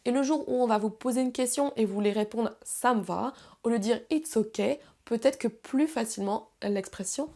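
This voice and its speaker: Woman, online English teacher, slightly high voice, gravelly, patient explanations. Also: warm tone. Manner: explanatory, repeats English phrases slowly. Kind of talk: online language lesson.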